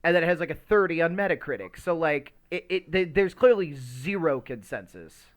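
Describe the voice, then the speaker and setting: This podcast host keeps things loose and unscripted, talking to a live stream in a rambling, stammering, sweary way. He speaks at a normal speed in a fairly high, expressive voice.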